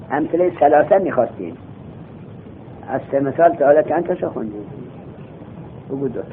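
Tinny-sounding male teacher quizzing students. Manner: reads text slowly then explains and quizzes students. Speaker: teacher of Arabic grammar. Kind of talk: classroom lesson. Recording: tinny phone-like recording with faint rumble.

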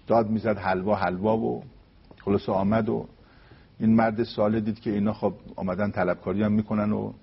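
A man giving a religious talk, telling a story and reciting verses slowly and deliberately. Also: lowish voice, little pitch movement, gravelly, slightly rough, lo-fi sound. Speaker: religious speaker.

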